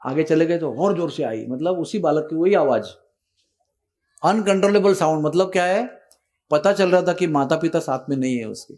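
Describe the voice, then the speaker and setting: A man telling a devotional story in a sermon, animated and switching between Hindi and English. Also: on the high side, normal speed. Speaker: spiritual teacher.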